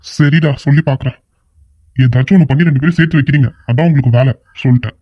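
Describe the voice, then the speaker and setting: A man voicing a worried older uncle in a cartoon, talking fast and pleading. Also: medium pitch, no room sound, lo-fi sound, lightly acted. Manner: fretful, pleading, quick talk. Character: worried older uncle, anxious family elder. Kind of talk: cartoon voice acting.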